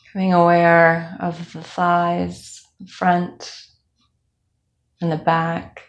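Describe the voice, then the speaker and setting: A young woman instructor leading a calm guided body scan meditation, speaking slowly with soft fillers. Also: on the low side. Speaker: movement instructor.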